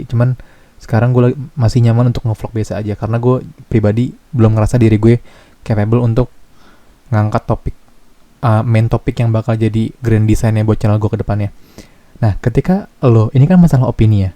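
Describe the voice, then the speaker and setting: A young man with a Jakarta slang accent hosting a casual podcast chat, relaxed and searching for his words. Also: on the low side, brisk, dry recording. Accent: Jakarta slang Indonesian. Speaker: podcast host.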